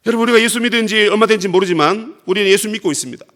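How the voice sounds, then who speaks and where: A man's voice: high voice, very fast, fairly bright tone. A Korean man preaching a sermon as pastor, acting out scripture quotes dramatically.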